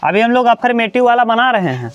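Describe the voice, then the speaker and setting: A man teaching an English grammar class to students, talking straight to them and repeating each example slowly. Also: very high-pitched, big pitch swings, clean tone, highs cut off.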